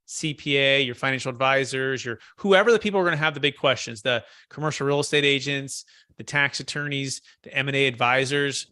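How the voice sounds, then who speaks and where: A man's voice: mid-range voice, brisk, bright, forceful tone, clear, resonant tone, no echo, studio quality. A man hosting a casual real estate webinar over a video call, talking earnestly and thinking aloud with frequent restarts. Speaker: host of a commercial real estate mastermind call.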